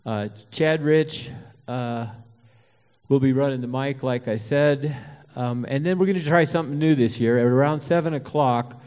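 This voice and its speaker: A man runs a candidates forum from the stage, talking in a folksy, halting way. He often stops and restarts his sentences. His voice rings out with a long hall reverb. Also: medium pitch, darkish tone, smooth. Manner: folksy, halting with many fillers. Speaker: forum moderator. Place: auditorium hall.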